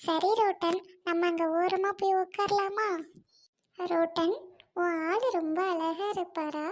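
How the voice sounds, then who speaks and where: Aandal, woman playing a gentle loyal friend. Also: extremely high pitch, steady tone, measured pace, slight background noise. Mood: soothing. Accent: Trichy Tamil. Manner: gentle, reassuring, repeats friend's name. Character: loyal soothing young girlfriend, Aandal. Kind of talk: comedy skit acting.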